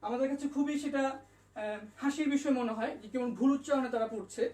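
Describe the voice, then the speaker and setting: This man's darkish voice is extremely high-pitched and quick as he tutors English online, patiently repeating letter sounds and spelling each one out. An echoey room and distant mic color the recording.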